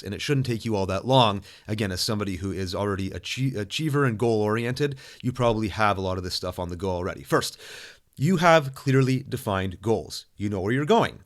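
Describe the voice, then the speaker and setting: A man's voice: fairly low pitch, expressive, fairly quick. A man speaking as a self-improvement coach, addressing the listener directly in an earnest, motivational way, with occasional fillers and restarts. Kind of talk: coaching program talk.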